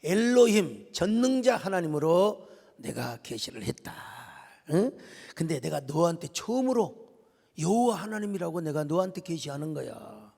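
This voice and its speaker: A Korean pastor voicing God speaking with relaxed, assured confidence. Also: male voice, a little high, moderate pace, vocal fry, pitched below the performer's own voice, heavily acted. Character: calm, self-assured all-powerful male God. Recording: echoey church hall.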